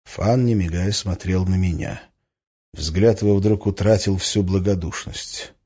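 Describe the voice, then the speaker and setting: A man narrating an audiobook in the first person, with a steady, even reading. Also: deep voice, unhurried, husky, highs cut off.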